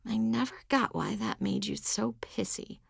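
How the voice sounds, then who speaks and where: A sarcastic dead teenage girl, lifted high and teasing, as a woman narrator puts her on. She needles and mocks in a bright, bouncy tone. The audiobook recording is close and dry. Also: expressive, normal speed, gravelly, husky, no room sound, heavily acted.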